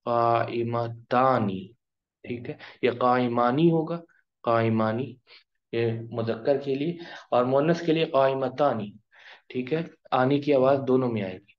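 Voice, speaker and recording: A male teacher explaining grammar in a classroom lesson, drawing out each example word slowly. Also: medium pitch. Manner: slow, drawn-out pronunciation of example words. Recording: dull lo-fi recording.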